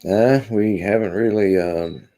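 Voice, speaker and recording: Reading chat comments aloud on his casual, meandering live stream, this Kentucky man says "um" a lot and has a Kentucky accent. He speaks a little slowly in a lowish, warm voice.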